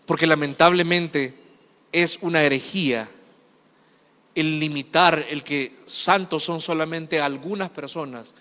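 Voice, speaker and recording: A high-voiced man preaching a sermon, his tone bright and cutting. He moves between quiet asides and loud, emphatic runs of points, and long reverb rings around him as in a church hall. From El Salvador. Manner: impassioned, swings between hushed asides and loud emphatic lists.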